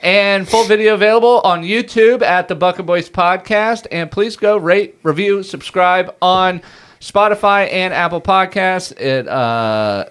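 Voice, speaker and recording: A man's voice: high-pitched, a little slow, fairly bright tone, smooth. A man hosting a podcast in casual, joking banter with his co-host, laughing often.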